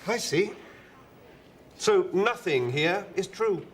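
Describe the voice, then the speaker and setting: A brisk job interviewer in a scripted comic sketch. His pitch moves a lot as he questions, mildly incredulous. A faint hiss sits under the voice. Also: animated. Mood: questioning.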